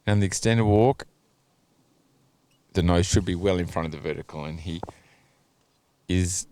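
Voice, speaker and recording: A man giving measured, analytical commentary on a dressage test over video, hedging his judgments with "you know" and "a little bit". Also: sits low, mellow, slight background noise.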